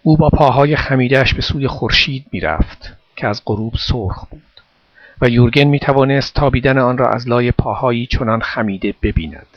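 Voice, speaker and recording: A man reading a story aloud in a calm, measured way. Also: medium pitch, dry recording. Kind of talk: storybook narration. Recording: dull dry recording.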